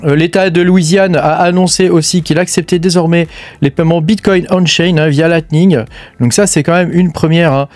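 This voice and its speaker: A man's voice: on the high side, fairly even intonation, moderate pace, a little mellow, no echo. A man from France giving casual, filler-heavy commentary on crypto news over charts, talking straight to the viewer and swearing bluntly. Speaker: crypto mining YouTuber.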